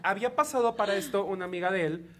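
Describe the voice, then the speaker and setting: A man's voice: high voice, quick pace. A young man with a Mexican accent, chatting as a podcast co-host and acting out voices as he tells anecdotes. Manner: animated, acts out voices in anecdotes. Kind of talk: casual storytelling chat.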